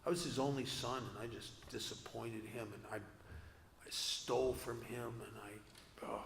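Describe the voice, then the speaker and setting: A man's voice: mid-range voice, fairly even intonation, unhurried, gravelly, fairly bright tone, a little hiss or hum. A man giving a personal recovery talk to an audience, earnest and confessional with self-deprecating humor. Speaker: speaker at a recovery convention. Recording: echoey hall with long reverb.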